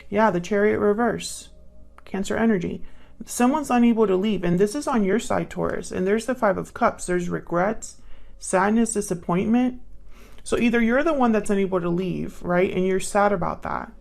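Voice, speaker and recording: A tarot reader and channel host gives a casual spoken reading, murmuring card prompts to herself and repeating them as she goes. Her voice is mid-range, a little mellow, and moderately paced. The recording is clear apart from background noise and the clicks of cards being shuffled.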